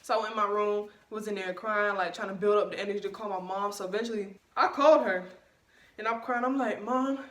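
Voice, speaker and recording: A young woman tells a story straight to camera in an emphatic, indignant way, her voice bright and forceful. The room rings around her, and the mic sits a little way off, so the sound is roomy and distant. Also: medium pitch, fairly even intonation, fast. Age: young adult. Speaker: vlogger. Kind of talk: casual storytime vlog. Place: bedroom, at night.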